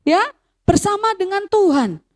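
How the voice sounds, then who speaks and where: A woman's voice: extremely high pitch, very animated, unhurried. A woman, telling a personal testimony in a sermon for young people and mixing in phrases as she tells the story. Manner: storytelling, drops into Javanese phrases. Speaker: youth speaker.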